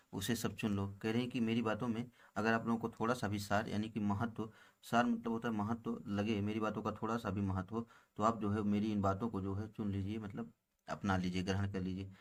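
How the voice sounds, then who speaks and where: A male teacher explaining a poem line by line. He recites each verse slowly, then restates it in plain words, and addresses viewers as friends. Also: on the low side. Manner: addresses viewers as friends, with frequent filler phrases.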